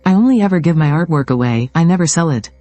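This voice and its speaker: A man's voice: on the high side, animated, quick pace, mellow, no room sound, soft background music, close to an everyday voice. A man voicing a modest, self-assured young male mystic healer in his own everyday voice. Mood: calm.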